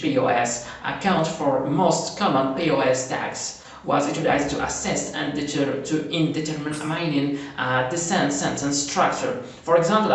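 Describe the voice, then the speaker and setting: Here a conference presenter with a fairly high-pitched voice, a native Arabic speaker from Morocco, works through his research slides in a halting way, restarting and saying "uh" a lot. The sound is very reverberant, captured from a distant microphone.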